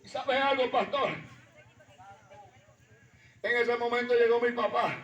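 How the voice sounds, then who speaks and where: A man's voice: very high-pitched, fairly even intonation, measured pace, a bit bright, a little hiss or hum. A Venezuelan man, a pastor, giving his personal testimony as a fervent, emphatic sermon in a church hall. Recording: echoey, distant, dull sound.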